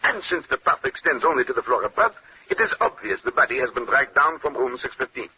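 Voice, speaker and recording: Fussy belgian detective w french accent, quick and very lively, theatrical, noisy old radio drama. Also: male voice, medium pitch. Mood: deductive, sly. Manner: precise, formal, theatrical, peppered with French courtesies. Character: fussy, shrewd Belgian male detective, courteous and self-assured. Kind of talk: 1940s radio acting. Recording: muffled, noisy old-time radio recording.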